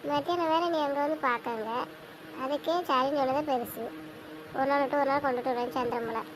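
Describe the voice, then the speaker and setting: A woman with a high voice plays a bossy older sister. She talks fast and teases. Faint background noise is heard under her. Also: steady tone. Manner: quick, teasing, bossy older-sister banter. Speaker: elder sister. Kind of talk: amateur web drama acting.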